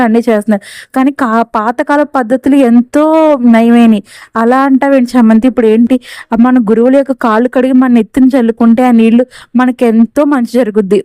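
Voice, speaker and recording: An earnest young college girl speaks with sincere, pleading warmth, voiced by a woman reading a serial recap. The voice sits high and mellow, smooth and close with a dry sound. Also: dry recording, lightly acted, rough recording.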